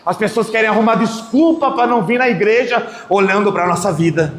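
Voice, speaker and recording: High-voiced man preaching in an echoey hall. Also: a little fast. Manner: dramatic storyteller, shifting between loud outbursts and soft asides. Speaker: lay preacher. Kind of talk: storytelling sermon at a prayer group. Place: prayer group meeting hall. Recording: echoey hall with long reverb, faint room noise.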